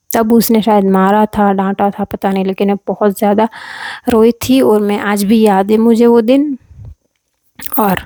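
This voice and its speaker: A woman's voice: mid-range voice, warm tone, dry recording, clean studio sound. A young woman telling a personal story from her own childhood in a casual, confiding way, often repeating phrases and checking in with her listeners. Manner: confiding, repeats phrases, frequent "theek hai" check-ins.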